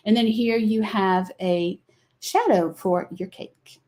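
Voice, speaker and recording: A woman's voice: mid-range voice, takes it slowly, mellow. A middle-aged woman with a Southern accent hosts a live craft product demonstration, chatting in a folksy, rambling way. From American South. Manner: chatty, folksy, explains with many fillers. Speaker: craft company host.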